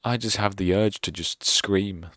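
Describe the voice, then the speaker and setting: A young male streamer wraps up his stream with casual, rambling, self-mocking sarcastic chatter into a close mic. His voice is fairly low and a bit bright, unhurried, with no room sound.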